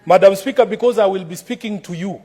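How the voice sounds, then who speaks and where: A Kenyan man with a high-pitched voice speaks as an opposition senator in formal debate. His delivery is combative and declamatory, built on repeated formal addresses to the chair. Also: fast talker, mellow. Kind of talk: formal parliamentary debate speech.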